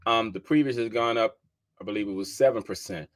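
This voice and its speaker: With a fairly low, brisk voice, a DC podcast host who also works in real estate chats casually with his audience. He says "y'all" a lot and keeps going back over his figures to drive them home, all while sneezing repeatedly.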